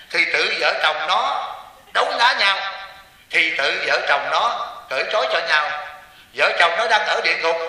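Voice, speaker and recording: High, bright-voiced monk in an echoing hall. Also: male voice, recorded from a distance. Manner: joking, with rhetorical questions to the audience. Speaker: Buddhist monk teacher. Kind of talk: sermon to lay followers. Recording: echoey hall with long reverb.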